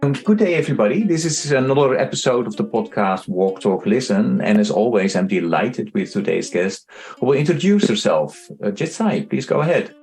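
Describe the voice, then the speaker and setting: A man's voice: mid-range voice, expressive, normal speed, few pauses, darkish tone. A man hosting an interview podcast, introducing and questioning a guest in conversational speech. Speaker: podcast host.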